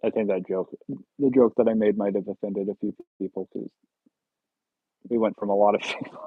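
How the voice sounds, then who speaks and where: A man's voice: lowish voice, steady tone, brisk, husky, no room sound. A man in his thirties hosting a casual livestream, joking and rambling with viewers in a self-teasing way. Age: 30s. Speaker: livestream host. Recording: tinny phone-like, dry sound.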